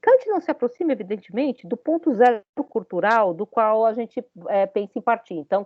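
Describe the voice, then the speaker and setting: A woman's voice: mid-range voice, no echo, muffled recording. A woman giving a university lecture, talking it through with many hesitant fillers and questions to her students.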